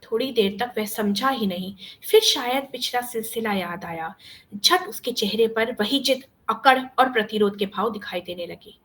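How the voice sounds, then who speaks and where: A woman's voice: a little high, normal speed, fairly bright tone. A woman storyteller reading a short story aloud over a video call, lifting her voice for the quoted lines.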